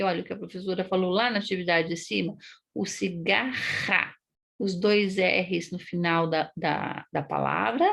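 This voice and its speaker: A woman with a Paraná Brazilian accent teaches young pupils at an unhurried pace. Her voice carries a gravelly fry, and she explains patiently, stretching out words and pausing to check understanding. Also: medium pitch. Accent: Paraná Brazilian Portuguese. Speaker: primary school teacher. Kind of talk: recorded online lesson.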